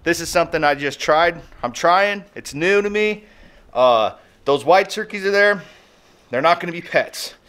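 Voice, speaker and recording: With a clear, resonant, fairly bright voice that's a little high, this animated man speaks at a moderate pace. He's a thirty-something American homestead vlogger chatting colloquially and folksily to camera. Filmed outdoors in a yard and in a garage, with background noise, wind, and birds.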